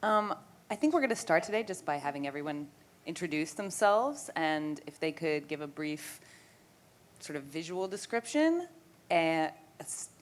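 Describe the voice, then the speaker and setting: A woman moderating a conference panel, speaking in a relaxed, informal way. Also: low-pitched, moderate pace.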